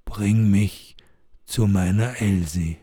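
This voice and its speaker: A man voicing the sad, gentle ghost of an old man, who pleads slowly and low. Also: husky, no room sound, studio quality. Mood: mournful.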